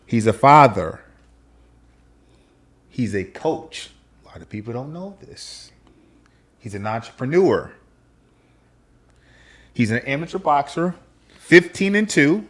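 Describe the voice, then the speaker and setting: A man co-hosting a podcast, animated and hyping up his guest in casual chat. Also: medium pitch, slow pace, pauses often, slightly rough. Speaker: podcast co-host.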